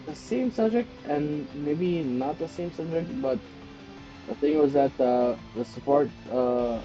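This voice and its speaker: A man streamer talks in a loose, rambling way with a very dark, mellow tone. The sound is dull and lo-fi, with faint music playing behind him. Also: a little high, a little slow. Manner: rambling, chatty storytelling. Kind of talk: casual chat.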